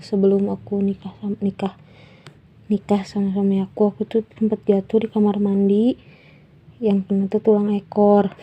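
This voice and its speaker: A woman shares a painful personal story, her husky voice soft and halting. She sounds tearful and often sinks toward a whisper while keeping a flat tone. The recording is dull and muffled. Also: medium pitch. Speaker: vlogger.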